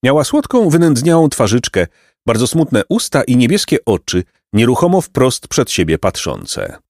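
A man's voice: medium pitch, huge pitch swings, normal speed, a little mellow, no echo, clean studio sound. A man reading a children's book aloud as an audiobook narrator, telling the story expressively.

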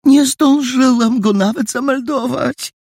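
A man voicing a gentle, flustered landlady who sighs and frets. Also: very high-pitched, a little slow, breathy edge, no echo, clean studio sound, pitched above the performer's own voice, heavily acted. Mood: fretful. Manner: sighing, fretful.

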